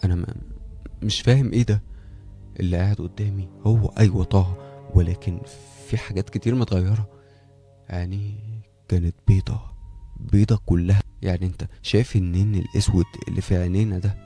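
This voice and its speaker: A young Egyptian man with an Egyptian Arabic accent, telling a first-person horror story in a casual, animated way and acting out the dialogue. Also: sits low. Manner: conversational, animated, acts out dialogue.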